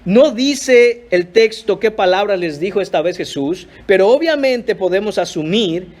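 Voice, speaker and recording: High-voiced man preaching earnestly. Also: expressive, measured pace, darkish tone. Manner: earnest, emphatic preaching, addresses listeners as brothers. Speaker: pastor. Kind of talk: sermon. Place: church.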